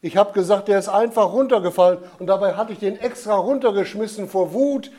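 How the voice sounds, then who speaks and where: A man voicing an eager, excitable young boy in a storybook tale, getting high and loud when upset. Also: fairly quick, lightly acted. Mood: distressed.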